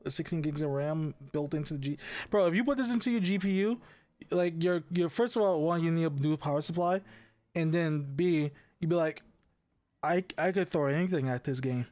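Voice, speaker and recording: A man's voice: fairly high pitch, a little fast, darkish tone, no echo. Rambling, swearing young man on a podcast. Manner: rambling, swearing, laughing a lot. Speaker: podcast host. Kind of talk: casual chat.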